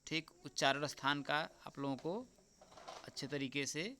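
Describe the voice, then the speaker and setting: A man teaching as an exam tutor, going through a paper answer by answer, repeating the key answers slowly and often checking with "right?". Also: a little high, sharp tone, slight background noise. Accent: Hindi. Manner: repeats answers slowly, keeps asking "ठीक?"; addresses viewers as friends.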